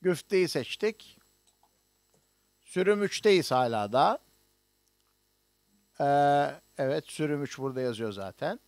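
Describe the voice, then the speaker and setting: A man's voice: on the high side, lively intonation, takes it slowly, long pauses, dry recording. A middle-aged man, a music professor from Turkey, teaching an online notation lesson and explaining each step on screen with many hesitations.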